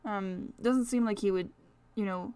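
A woman's voice: mid-range voice, measured pace, dark tone, clear, resonant tone. A woman with a French accent hosting a casual solo podcast, talking in a rambling, chatty way full of fillers. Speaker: astrology podcast host.

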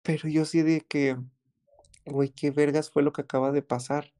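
A man with a Mexican accent telling a story in casual chat, excited and slangy, often repeating exclamations. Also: a little high, moderate pace, smooth. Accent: Mexican Spanish.

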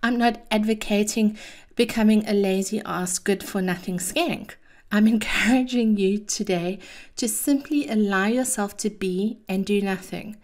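A woman's voice: medium pitch, a little slow, darkish tone. A woman hosting a chatty, encouraging monologue with personal anecdotes, speaking in a theatrical, cheeky manner. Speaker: podcast host.

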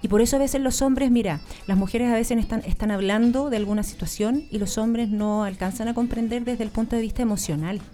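A Chilean woman with a somewhat high, mellow voice talks through her ideas in a lively, explanatory way. She is a guest speaker in a relaxed interview. Soft music plays faintly behind her. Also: fairly quick, hardly any pauses. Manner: animated, explanatory. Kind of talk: casual interview chat.

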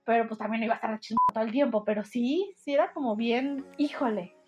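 A woman's voice: a little high, quick pace, lo-fi sound. A young woman in her twenties with a Mexico City accent, telling a story in casual, slangy chat and acting out the quotes.

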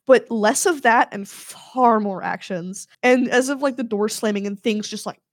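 A woman's voice: on the high side, measured pace, no room sound, studio quality. A young woman co-hosting a podcast, telling a ghost story in casual chat with lots of fillers and emphatic asides. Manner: animated storyteller, heavy filler words, emphatic.

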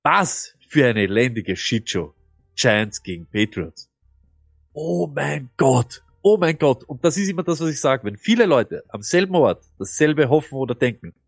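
A man's voice: mid-range voice, no echo. A man co-hosting a fantasy football podcast, telling things emphatically and animatedly. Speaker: podcast co-host. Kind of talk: casual fantasy football chat.

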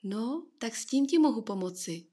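A woman voicing a gentle angelic being of light in a storybook, slow, patient and soothing. Her breathy voice stays soft and unhurried, calm and kind. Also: a little high.

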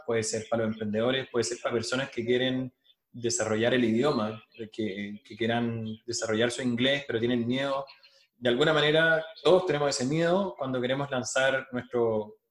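A man's voice: medium pitch, fairly even intonation, moderate pace. A man interviewing a guest in a casual, friendly way, listing examples before handing over the floor. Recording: echoey room.

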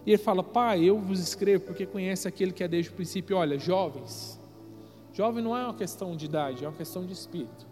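High-voiced preaching man in a church. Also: quick pace. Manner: emphatic, addresses the congregation directly. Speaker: pastor. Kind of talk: preaching at a youth service. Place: church sanctuary. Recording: reverberant church hall with music behind.

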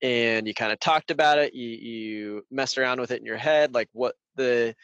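A man's voice: mid-range voice, moderate pace, a bit bright, smooth, no echo, highs cut off. A man hosting a podcast in casual, rambling conversation, recorded in a small closet full of clothes. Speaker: podcast host. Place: small clothes-filled closet as home studio. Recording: dry, close closet sound.

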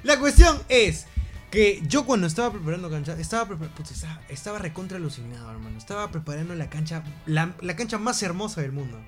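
A man's voice: on the high side, animated, quick pace, faint music behind. A man, telling a funny anecdote in slangy, laughing casual chat. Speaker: co-host.

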